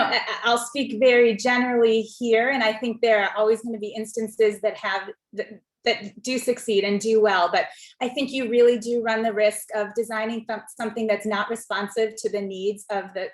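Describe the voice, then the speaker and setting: A woman speaking as a panelist over a video call. She talks in a measured way and hedges with fillers. Her voice rings a little in an echoey room. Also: mid-range voice. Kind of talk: panel discussion remarks.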